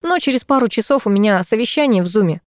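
A woman voicing a calm, kind young male neighbor in an audiobook. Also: a little high, quick pace, no room sound, studio quality, close to an everyday voice. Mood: gentle.

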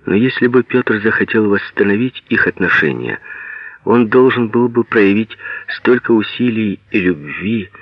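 A man narrates a literary audiobook in a measured, even way. His voice sits fairly low. It is recorded close and dry, and the sound is dull and lo-fi. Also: dry recording.

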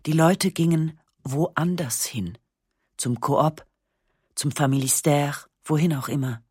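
In a radio reading of a memoir, a woman with a deep, slightly husky voice narrates in the first person, calm and measured, with slow, matter-of-fact pauses. The studio recording is close and dry, with no room sound at all.

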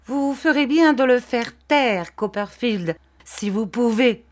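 A woman's voice: mid-range voice, lively intonation, a little slow. A woman voicing a sly, falsely humble male clerk who fawns and threatens by turns in a storybook reading. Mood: wheedling.

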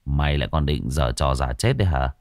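A man voicing a calm, commanding young exorcist who speaks sternly and without hurry. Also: extremely low pitch, dry recording, studio quality, pitched below the performer's own voice. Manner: stern, threatening, unhurried.

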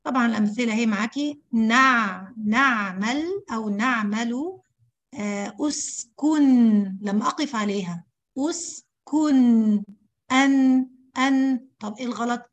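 A woman's voice: fairly high pitch, normal speed, a bit bright. A woman with an Egyptian accent teaching Quran recitation, who speaks straight to her female students and repeats syllables to show how each sound is made. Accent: Egyptian Arabic. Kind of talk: tajweed lesson explaining letter articulation.

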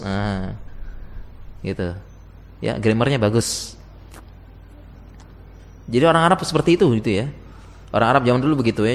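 A man giving a chatty lecture to teachers, asking his audience questions and laughing often. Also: medium pitch. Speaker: teacher giving a talk to Islamic school teachers. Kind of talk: casual lecture. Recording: long hall reverb.

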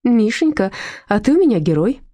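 Woman voicing a feisty sharp-tongued heroine. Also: a little high, sing-song, brisk, no room sound, voice pushed up. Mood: warm teasing. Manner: sharp-tongued, defiant, tender with her dog. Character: feisty bold woman, defends her dog.

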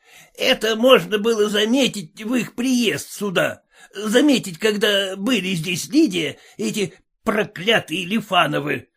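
A man reading a story and voicing an elderly captain who exclaims and wails in high outbursts. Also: measured pace, creaky, fairly bright tone, slightly rough, exaggerated voice. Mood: indignant. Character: elderly male captain, anxious and excitable.

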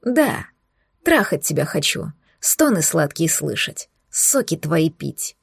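A fierce werewolf lover, put on by a woman narrating a story, growls and hisses his lines low and slow. The voice drops below her usual tone and turns hushed and breathless. The recording is close and dry, with no room sound. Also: sing-song, vocal fry, husky, no room sound, exaggerated voice. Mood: lustful. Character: savage male werewolf lover, furious and hungry. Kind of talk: audiobook character voice.

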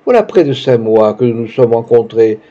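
A man's voice: mid-range voice, animated, normal speed, warm tone, close to an everyday voice. A man reading the lines of a young actress with pompous, gushing phrasing, in a dull lo-fi recording. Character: young woman, pretentious theatrical actress.

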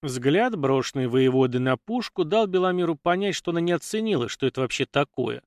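A man narrating a fiction audiobook with a steady storytelling read into a close mic. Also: fairly high pitch, brisk, no room sound.

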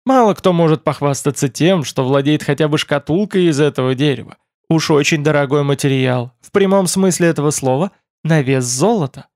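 Audiobook narrator, male, gravelly, steady and measured, dry close sound. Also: fairly high pitch, dry recording.

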